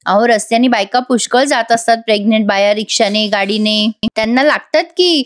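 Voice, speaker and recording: A woman's voice: a little high, fairly quick, natural voice. A woman reading out the lines of a brash, insolent young pregnant woman in a TV serial recap. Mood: snappy. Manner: snappish, loud, insolent.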